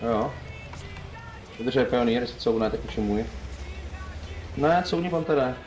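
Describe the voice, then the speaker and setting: A young man streaming a tank game, chatting casually and calling out moves to his teammates in a quick, joking way. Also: medium pitch. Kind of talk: casual gaming chat. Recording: roomy sound with clear music behind.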